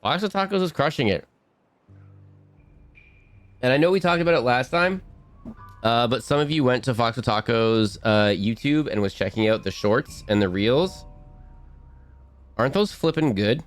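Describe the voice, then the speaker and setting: A man's voice: mid-range voice, lively intonation, normal speed, long pauses, faint music behind. A man casually chatting while streaming a game, upbeat and talkative, reading chat aloud.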